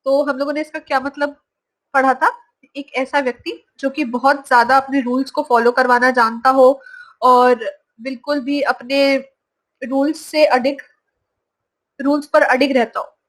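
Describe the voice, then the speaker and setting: A woman teaching English vocabulary from slides, saying each word slowly and repeating it. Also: high voice, flat delivery, low-quality recording. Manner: slow, drawn-out pronunciation of each word, repeated. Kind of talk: slide-based vocabulary lesson.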